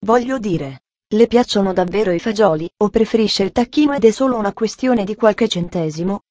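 A woman's voice: medium pitch, a little fast, warm tone, dry recording, muffled recording, close to an everyday voice. A woman reading the part of a cheerful, talkative little girl in an audiobook, with an eager, earnest manner.

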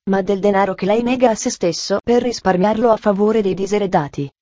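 A woman's voice: medium pitch, fairly quick, dark tone, no room sound, dull audio, close to an everyday voice. A woman reading the part of a cheerful, talkative little girl in an audiobook, with an eager, earnest manner.

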